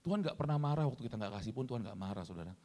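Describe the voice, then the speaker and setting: A man preaching a sermon, addressing the congregation again and again and calling for amens, swinging between loud high emphasis and quiet low asides. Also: lively intonation, very fast. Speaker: pastor.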